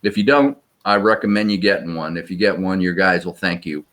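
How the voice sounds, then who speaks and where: A man answering interview questions, explaining search methods in a practical, measured way. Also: low voice, a bit bright. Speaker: sonar search trainer.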